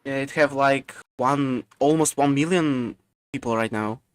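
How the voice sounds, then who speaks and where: Halting man with a smooth voice. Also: medium pitch, no echo. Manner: halting, many fillers and restarts. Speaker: podcast co-host. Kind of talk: casual chat.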